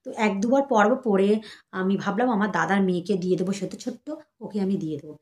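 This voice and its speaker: A young woman chatting casually to her viewers, showing gifts for her baby and keeping her voice soft so the child sleeps. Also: mid-range voice, racing. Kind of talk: casual chat to camera.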